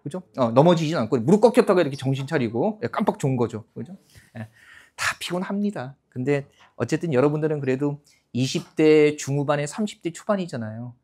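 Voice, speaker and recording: Lively middle-aged man teaching a class. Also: a little high, a little fast. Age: 50s. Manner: animated, acts out students in put-on voices; keeps checking in with the class. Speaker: exam-prep lecturer. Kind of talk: classroom lecture with chatty asides.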